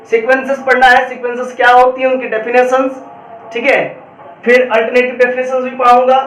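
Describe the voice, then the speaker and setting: Brief: man with a Jharkhand Hindi accent lecturing on maths, very high voice, mic set far off. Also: a bit bright. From Jharkhand, India. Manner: reassuring, repeats checks like "theek hai na". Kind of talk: recorded video lecture. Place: hot room. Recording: echoey room, distant mic, faint hum.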